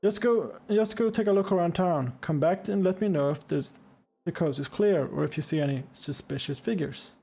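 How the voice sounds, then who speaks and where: A man's voice: on the high side, normal speed, creaky, few pauses, mellow. A man voicing a guarded, suspicious woman in hiding, reading game dialogue aloud. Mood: businesslike, persuading.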